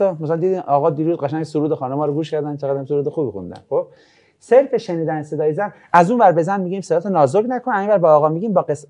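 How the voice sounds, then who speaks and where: A man teaching a religious ethics class, lecturing casually and acting out anecdotes with jokes. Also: a little high. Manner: lively, jokey, acts out anecdotes.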